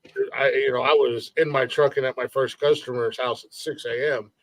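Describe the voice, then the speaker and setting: A man's voice: mid-range voice, steady tone, brisk, a crowd in the background, rough recording. Easygoing joking man in his forties. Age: 40s. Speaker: podcast host. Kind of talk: casual chat.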